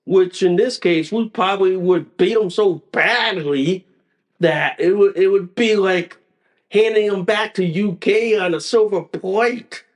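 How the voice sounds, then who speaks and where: Man, high voice, angry solo podcast rant, cursing, repeats himself. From United States. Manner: angry, repetitive, stumbling restarts, profane. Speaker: podcast host.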